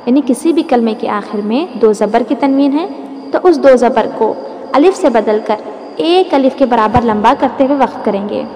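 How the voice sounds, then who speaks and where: A woman's voice: fairly high pitch, animated, dark tone. A woman teaching the rules of Quran recitation, explaining patiently and drawing out each example word. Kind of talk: tajweed lesson with demonstrations. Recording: echoey room with long reverb.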